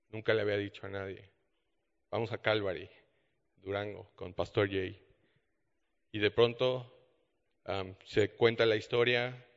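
Male preacher, animated storytelling, roomy hall sound. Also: on the low side, smooth. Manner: animated storytelling with quoted dialogue. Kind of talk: sermon storytelling. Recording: dull echoey hall.

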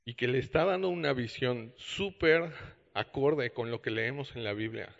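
A man's voice: medium pitch, moderate pace, vocal fry. A man telling stories in a sermon, acting out the dialogue. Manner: animated storytelling with quoted dialogue. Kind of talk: sermon storytelling. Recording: dull echoey hall.

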